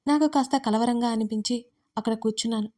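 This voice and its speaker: A woman's voice: a little high, fast, a little mellow, close to an everyday voice. A woman doing a brooding, curt young man.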